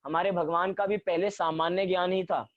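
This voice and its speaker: Guy teaching a class, high voice, keeps asking himself questions then answering, kinda muffled dry recording. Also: fairly even intonation, normal speed, no echo. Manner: asks and answers his own questions. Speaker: religion teacher. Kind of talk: explanatory class lecture.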